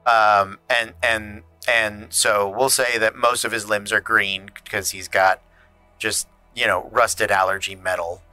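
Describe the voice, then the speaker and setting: A man's voice: on the low side, level tone, unhurried, sharp tone, no room sound, soft background music. A man narrating a tabletop game as game master, easygoing and full of restarts. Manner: loose, easygoing, many restarts.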